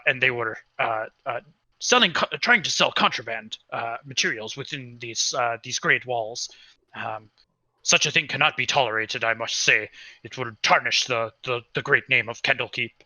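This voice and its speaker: A man's voice: medium pitch, normal speed, sharp tone. A man voicing a refined, self-satisfied male ogre in a tabletop game, speaking in a fussy, hesitant way. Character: refined, polite, well-groomed male ogre.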